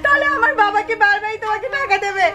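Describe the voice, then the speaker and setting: An actress playing an abused young pregnant wife, pleading through tears. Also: female voice, very high voice, very fast. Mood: tearful pleading. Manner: tearful, pleading.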